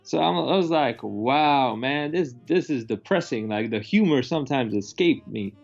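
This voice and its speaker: A movie review host chats casually about films, rambling and opinionated, with some swearing. His mid-range voice is expressive and creaky with a darkish tone, at normal speed. The audio is dull, with faint music in the background.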